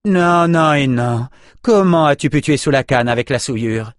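A fierce sorceress scolds her former pupil in a raised, higher voice, voiced by a man reading an audiobook. She sounds exasperated and indignant. The recording is dry and close. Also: expressive, fairly quick, dry recording, natural voice. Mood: outraged.

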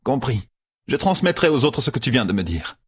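A man reading an audiobook voices a composed, guarded noblewoman ruler who speaks in a measured way. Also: mid-range voice, big pitch swings, husky, no echo, clean studio sound, pitched above the performer's own voice. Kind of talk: audiobook character voice.

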